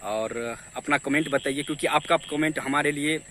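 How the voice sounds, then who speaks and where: A man's voice: on the high side, moderate pace, bright, forceful tone, slight background noise. A man co-hosting, signing off casually and earnestly, mixing in English phrases. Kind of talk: casual sign-off.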